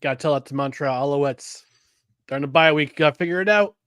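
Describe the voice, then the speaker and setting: A man who is a journalist, guesting on a casual football talk show, playful and quick to correct. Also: fairly high pitch, fairly bright tone, dry recording, clean studio sound. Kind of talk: casual sports chat.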